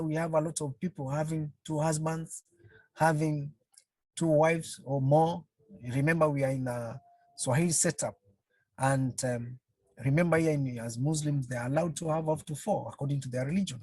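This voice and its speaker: Over a video call, a counselling trainer delivers an online webinar talk, speaking slowly and haltingly, repeating phrases and often posing rhetorical questions to the audience. The mid-range voice has a steady, darkish tone, and the recording is dry and rough.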